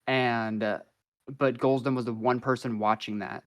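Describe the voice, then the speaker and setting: A man chatting as a guest on a podcast, telling stories in a loose, rambling way. He keeps stacking up fillers and slang as he goes. The pitch sits in an ordinary middle range. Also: fairly even intonation, normal speed. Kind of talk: casual storytelling chat.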